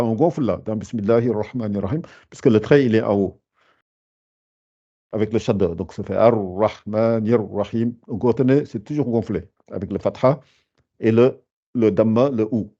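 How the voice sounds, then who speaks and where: A man's voice: mid-range voice, warm tone, highs cut off. A man teaching Quran recitation in an online lesson, explaining patiently step by step with many hesitations.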